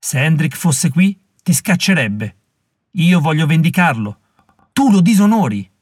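A man's voice: fairly high pitch, big pitch swings, measured pace, no echo, clean studio sound, pitched above the performer's own voice. A man reading an audiobook voices an angry, vengeful male Mohawk warrior who speaks aggressively. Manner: aggressive, hot-headed.

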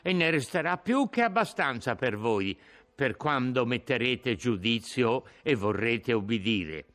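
A man's voice: medium pitch, animated, measured pace, a bit bright. A man reading the part of a greedy old woman guarding a captive, grumbling and coaxing by turns.

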